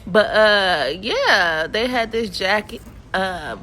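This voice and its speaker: Recording a voiceover at home for her shopping vlog, a vlogger with a sniffly, stuffed-up cold chats playfully in slang. She speaks slowly yet animatedly in a medium pitch with a sharp tone, and a little hiss or hum sits under the audio.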